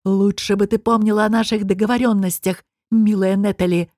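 A woman's voice: mid-range voice, moderate pace, darkish tone, no echo, studio quality, close to an everyday voice. A woman voicing an irritable male court official who growls and mocks. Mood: sarcastic. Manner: growling, sarcastic.

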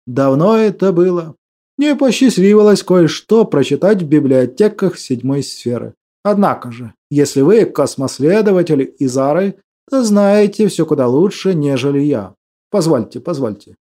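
Male narrator playing an eccentric talker: slow and earnest, mellow tone. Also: on the high side, expressive, close to an everyday voice. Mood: musing. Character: talkative eccentric male patient, grand cosmic titles.

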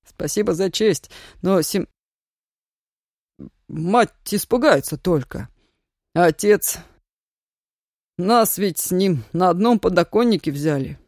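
A reader voices a young Roma man, stubborn and earnest, who picks every word with slow care. The voice sits at a middle pitch and sounds dry and close, with no room around it, like a plain storybook reading. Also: animated, darkish tone, no room sound. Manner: slow, weighing each word.

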